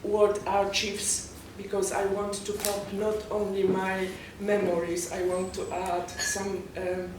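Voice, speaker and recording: A woman from Poland with a Polish accent and halting non-native English, talking about herself as an interview guest. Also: medium pitch, completely flat delivery. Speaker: guest, poet and novelist. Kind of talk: interview, personal account. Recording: very echoey, distant mic, noisy background.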